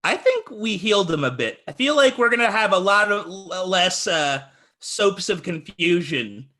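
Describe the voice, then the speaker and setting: A man co-hosting an improvised comedy scene over a home video call, halting and melodramatic. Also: high-pitched, expressive, pushed and bright. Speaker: improv co-host.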